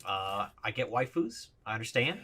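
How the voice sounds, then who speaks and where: A man with a bright, forceful voice ranks overpriced trading cards. He is plain-spoken and opinionated, often restarting his sentences. The clip is played back within another video. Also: on the low side, expressive, normal speed. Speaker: card reviewer in a played video. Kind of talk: casual ranking commentary.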